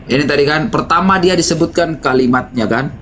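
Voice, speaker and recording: A man's voice: on the high side, brisk, fairly bright tone, slight background noise. A man acting as a pastor in a heated online debate, stubbornly repeating his questions.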